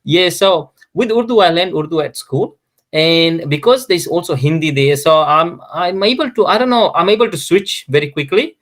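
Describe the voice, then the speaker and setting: A man's voice: on the high side, moderate pace, fairly bright tone. A man from Fiji with a Fiji Indian accent, telling anecdotes casually as an interview guest and often chuckling as he talks. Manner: chuckles often while talking.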